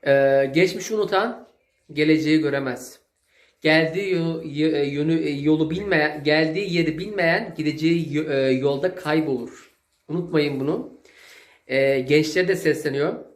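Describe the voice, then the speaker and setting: A man's voice: a little high, normal speed, echoey room. A man with a Zonguldak Turkish dialect, chatting casually and folksily to his viewers as a cooking vlogger. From Zonguldak, Turkey. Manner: folksy, rambling, with long shout-outs to viewers. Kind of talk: casual chat to camera.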